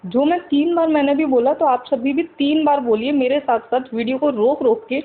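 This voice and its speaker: A woman teaching English to Hindi speakers. She talks slowly, repeats each example sentence several times and keeps asking the viewers questions. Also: high voice, narrow, tinny audio.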